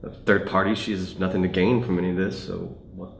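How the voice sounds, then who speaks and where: A man's voice: sits low, flat delivery, a little fast, vocal fry, slight background noise. A man playing a puzzled investigator with a casual, questioning manner, in found-footage horror film style. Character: puzzled, questioning male investigator open to the uncanny. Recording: echoey room, faint music.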